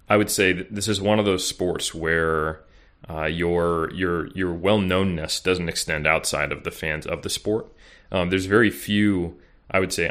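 A bodybuilding coach in his thirties, appearing as a podcast guest, chats casually in an interview, rambling with plenty of fillers and restarts. His voice is low and a bit bright.

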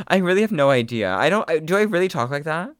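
A man with heavy vocal fry and a camp, effeminate delivery, chatting casually as a podcast co-host. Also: fairly high pitch, fairly bright tone, no echo, clean studio sound. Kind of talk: casual chat.

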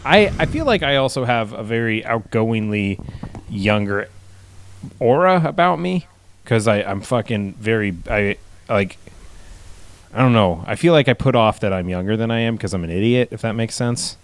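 Podcast co-host, man with a low voice, laid-back and teasing in casual chat. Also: animated, moderate pace.

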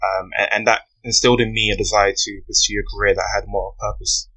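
Brief: young man, podcast guest, earnest and measured, lowish bright voice. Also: little pitch movement, poor audio. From West London, UK. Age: 20s. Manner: earnest, measured storytelling with frequent "you know". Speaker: guest, aspiring barrister. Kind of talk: podcast interview.

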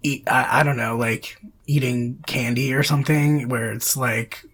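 Podcast co-host, husky, mid-pitched, rambling and chatty, with lots of fillers. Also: fairly even intonation, measured pace, a bit bright. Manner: rambling, frequent fillers and self-corrections; laughs often between phrases. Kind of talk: casual chat about horror films.

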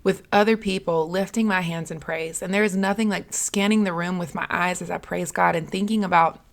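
A tired-sounding woman hosting a podcast in a hoarse, raspy voice like a smoker's, speaking conversationally and earnestly. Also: fairly low pitch, steady tone, a little fast. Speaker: podcast host.

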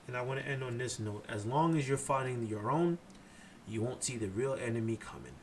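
A man from Haiti hosts his own podcast alone, speaking bluntly and with real heat. He swears freely and presses his listeners hard. His voice sits at a medium pitch over a faint background hiss. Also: a little fast. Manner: blunt, impassioned, profane. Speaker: podcast host. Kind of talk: solo podcast monologue.

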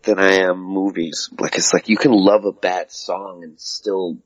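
A man being interviewed as a guest in casual chat, making dry jokes and pausing on fillers. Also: deep voice, steady tone, no room sound, highs cut off. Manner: dry, joking, halting with fillers. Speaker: guest actor.

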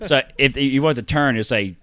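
A man from the United States, co-hosting a casual podcast, telling animated stories with frequent laughs and swearing. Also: mid-range voice, moderate pace, no room sound. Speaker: podcast co-host. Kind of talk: casual chat.

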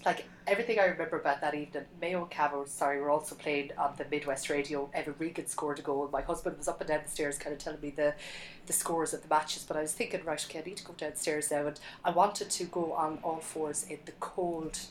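A woman's voice: low voice, fairly even intonation, quick pace, slight background noise, low-quality recording. A woman with an Irish accent, chatting casually and animatedly as she tells a personal story. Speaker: podcast guest sharing a birth story. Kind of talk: casual chat.

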